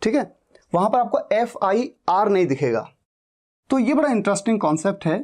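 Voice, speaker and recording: A man teaching English phonics, who demonstrates each sound slowly and repeats it many times. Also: high voice, expressive, a little mellow. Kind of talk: teaching lesson.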